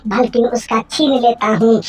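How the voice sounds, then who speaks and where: A man doing a cackling cartoon devil. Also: very high-pitched. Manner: evil cackling laughter. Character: greedy male devil spirit, skull-eating, gloating. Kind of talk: cartoon voice acting. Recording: music behind voice.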